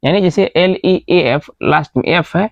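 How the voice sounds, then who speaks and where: A man gives a grammar lesson in a gravelly voice, spelling out words letter by letter. He keeps asking questions and answering them himself. The recording is dry and dull, like a cheap close mic. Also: a little high, moderate pace, dry recording. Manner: asks the class questions, then answers them. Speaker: teacher.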